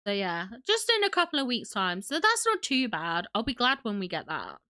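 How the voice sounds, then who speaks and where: A woman's voice: medium pitch, huge pitch swings, normal speed, sharp tone. A young woman hosting a casual livestream, sniffly from a cold, gushing and chatty as she greets viewers. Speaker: livestream host.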